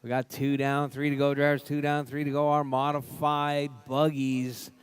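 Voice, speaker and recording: A man's voice: mid-range voice, completely flat delivery, moderate pace. A man giving live race commentary like a spotter, in repetitive clipped calls of running order and cautions. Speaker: race announcer.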